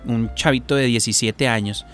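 A man's voice: medium pitch, fairly even intonation, normal speed, fairly bright tone, soft background music. A man with a Mexican accent, a talk-show guest giving a personal testimony, rambling with many fillers and restarts.

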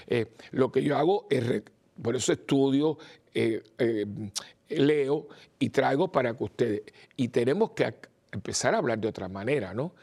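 An older male priest with a mixed Spanish accent, giving a rambling informal homily, repeating words and pausing with fillers. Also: mid-range voice, lively intonation, vocal fry, darkish tone, breathy edge.

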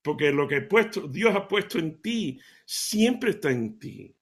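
A man giving a devotional talk, telling stories in an animated way and laughing as he goes. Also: on the high side, a little slow. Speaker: lay preacher.

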